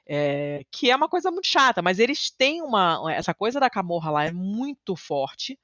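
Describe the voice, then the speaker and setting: Recorded without echo but sounding muffled, a woman from Rio de Janeiro, Brazil, now living in Italy, chats casually at a moderate pace as a podcast guest. She's animated, swears, and pokes fun at herself, her pitch jumping high when she gets excited.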